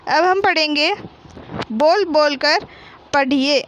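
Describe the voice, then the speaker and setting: A woman's voice: sits high, slow, fairly bright tone, a little hiss or hum. A woman teacher giving a children's reading lesson, spelling out words and drawing out each syllable, saying every word twice. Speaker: primary school teacher.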